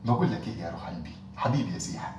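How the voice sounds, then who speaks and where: A man's voice: low-pitched, animated, racing. A man with an Egyptian accent playing an office manager in a comic sketch, speaking with mock-affectionate, sugary sarcasm. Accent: Egyptian Arabic. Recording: echoey room, distant mic, faint noise.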